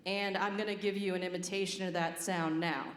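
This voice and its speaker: A woman in her thirties from the Midwest performing a stand-up comedy set, telling stories deadpan and breaking into silly voices and sung bits. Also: lowish voice, fairly quick, slight background noise. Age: 30s. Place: comedy club stage. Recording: roomy live club sound.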